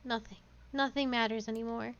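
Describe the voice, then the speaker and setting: Woman doing a tearful young girl outcast, quiet and despairing, raised pitch. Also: fairly even intonation, a little fast, dull audio.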